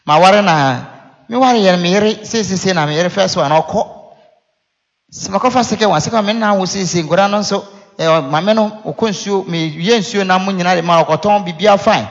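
A man's voice: high voice, normal speed, muffled recording. A Ghanaian man, a native Twi speaker, preaching in a conversational teaching style with rhetorical questions and repeated phrases. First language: Akan (Twi). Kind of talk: sermon teaching, mixing explanation with scripture and storytelling. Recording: echoey hall with long reverb.

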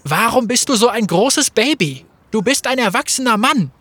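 A man voicing a brash, quick-tongued male gambler and swindler who taunts and mocks loudly. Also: extremely high pitch, animated, no echo, pitched above the performer's own voice, heavily acted. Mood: shouting. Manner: taunting, loud and mocking.

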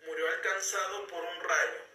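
A man, talking casually about a self-help book in a halting, folksy storytelling way, repeating words as he goes. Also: high voice, steady tone, bright, forceful tone. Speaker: book commentator. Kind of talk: casual spoken commentary on a self-help book, reading passages aloud. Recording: echoey room, voice a bit far from mic, faint music behind.

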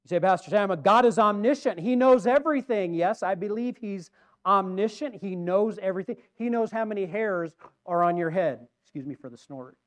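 Man, pastor, preaching in a church, high-pitched, clear resonant voice, earnest. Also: moderate pace. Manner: earnest preaching, swings from loud emphasis to quiet. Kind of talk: sermon.

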